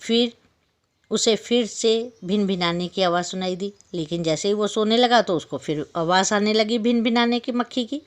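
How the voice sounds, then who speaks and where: A woman's voice: mid-range voice, normal speed. A woman teacher telling a story to young children, stopping to explain words and ask the class questions. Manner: explains and retells each line, asks the class questions. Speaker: school teacher.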